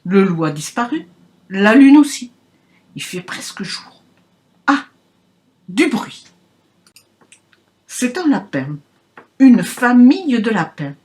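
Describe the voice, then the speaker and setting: A woman reading a children's picture book aloud in a playful, expressive way. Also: on the high side, slow, pauses often. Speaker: reader.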